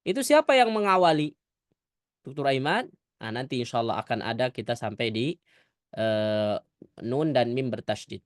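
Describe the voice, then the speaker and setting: A man's voice: mid-range voice, lively intonation, no echo. Man teaching Quran recitation, dry sound. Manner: corrective, demonstrates recitation slowly then explains quickly. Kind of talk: recitation lesson.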